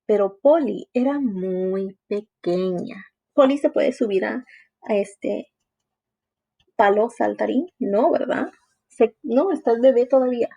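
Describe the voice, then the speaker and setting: A teacher who reads a story aloud and explains it slowly to young children. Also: female voice, a little high, mellow, breathy edge. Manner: slow, sing-song, explaining to young children. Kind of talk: reading a story aloud for a lesson.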